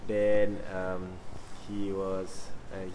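A man's voice: low voice, drawn-out words, poor audio. A young man with a Singaporean accent chats casually as a podcast guest in colloquial Singlish, using particles like lah and ah and swearing freely. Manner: relaxed swearing. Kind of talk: casual chat. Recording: background noise and room ambience.

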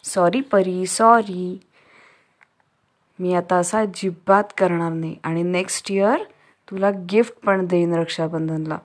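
A woman voicing a jealous, sulky young boy, raised high and loud as he complains and pleads. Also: steady tone, slow. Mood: apologetic.

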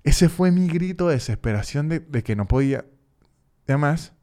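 A Venezuelan man with a Venezuelan accent, a comedian and podcast host, casually telling an animated comic story with swearing and repetition. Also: a little high, normal speed. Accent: Venezuelan Spanish.

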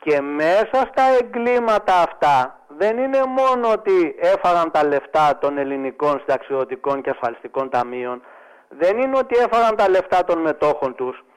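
A man with a notably high voice holds forth as a radio guest. He talks in an emphatic, indignant way and breaks into mocking impressions of ad voices to make his point. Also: expressive, clean tone, rough recording. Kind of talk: radio talk show discussion.

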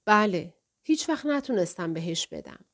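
A woman voicing a quiet, forgetful man who speaks softly and haltingly in an audiobook reading. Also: mid-range voice, sing-song. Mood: hesitant. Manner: soft-spoken, halting. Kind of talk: audiobook character voice.

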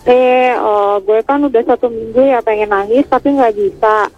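A woman's voice: a little high, moderate pace, lo-fi sound. A woman calling in to a radio show, earnestly asking for advice and rambling a little as she explains. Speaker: caller. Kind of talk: casual chat.

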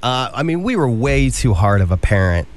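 A man in his thirties hosts a morning radio show, talking in an easygoing, self-mocking way. His voice sits at an ordinary middle pitch, and he tells his stories casually. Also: very animated, moderate pace.

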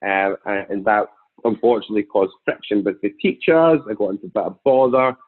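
Over thin, phone-like remote call audio, a Glaswegian podcast guest of thirty tells his own story conversationally in a broad Scottish accent. His voice is lowish and fairly quick, with lively intonation.

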